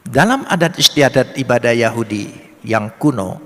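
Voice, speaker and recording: Guy preaching a sermon in a church hall, bright ringing voice, gets loud then goes quiet, long echo. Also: medium pitch, lively intonation, moderate pace. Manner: preaching with swelling emphatic peaks and quiet drops. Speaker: pastor.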